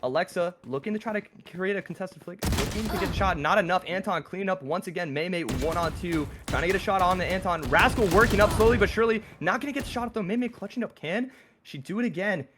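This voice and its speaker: A man casting a live online shooter tournament, excitable and gasping at big plays. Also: high voice, quick pace. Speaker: esports caster. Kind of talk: live game commentary. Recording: noisy game audio behind.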